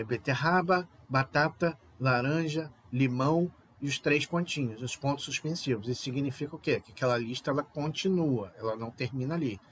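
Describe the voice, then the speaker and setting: A man's voice: a little high, a little hiss or hum. A Brazilian man with a Brazilian Portuguese accent, a native Portuguese speaker, teaching a recorded online Spanish lesson and checking understanding with frequent little tag questions. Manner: explains patiently, often checks with "tá?" and "né?".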